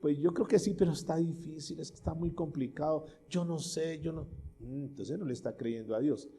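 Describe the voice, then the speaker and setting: A man's voice: fairly high pitch, fairly quick, mellow, breathy edge. A male pastor preaching a sermon with emphasis, asking questions of his listeners and acting out short prayers and doubting voices.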